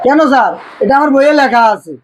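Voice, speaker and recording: A man's voice: very high-pitched, expressive, quick pace, slight background noise. A man playing a naive, cheeky young job applicant in a comedy sketch.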